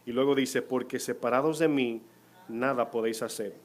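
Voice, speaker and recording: A man's voice: mid-range voice, steady tone, moderate pace. A man preaching a sermon in church, putting questions to the congregation as he goes. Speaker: pastor.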